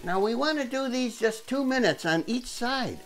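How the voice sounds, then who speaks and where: A man's voice: very high-pitched, animated, normal speed, faint music behind. Older man chatting as he cooks. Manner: chatty, enthusiastic, chuckling. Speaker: cooking video host. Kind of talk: casual cooking demonstration. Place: home kitchen indoors.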